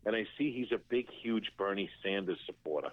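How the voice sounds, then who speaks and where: A man's voice: on the low side, lively intonation, fairly quick. A man guesting on a radio talk show, telling profane stories and laughing often as he acts out what people said. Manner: profane, laughing storyteller acting out quotes. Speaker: interview guest. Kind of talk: casual storytelling on a radio show. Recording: tinny phone line.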